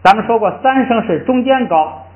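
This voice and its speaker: An older man teaching Tibetan pronunciation in a lively classroom style, often drawing out and repeating syllables to show the tones. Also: very high-pitched, moderate pace. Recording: tinny, echoey room sound.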